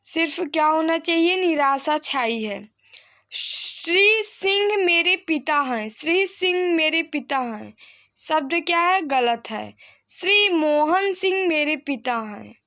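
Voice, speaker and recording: This Hindi grammar teacher, preparing students for exams, speaks in a high, slightly bright voice with lively intonation and an unhurried pace. She reads sentences aloud and corrects them, repeating examples in a didactic way and answering her own questions.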